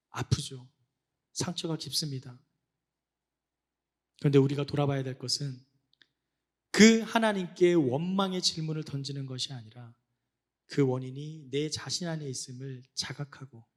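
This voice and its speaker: A male pastor preaching a sermon in a church, swinging from loud exclamations to hushed low tones.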